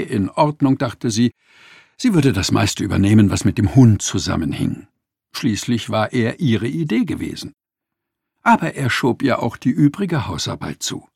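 A man narrates a scripted story with expressive delivery and a wry edge. His gravelly, husky voice shifts pitch animatedly within every sentence. The recording is dry, without any room sound.

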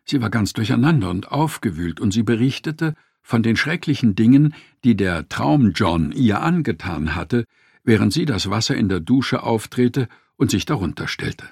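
Brief: man reading a nonfiction audiobook, lively pitch, dry close sound. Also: normal speed, gravelly, husky, no echo. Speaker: audiobook narrator. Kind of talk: scripted audiobook narration.

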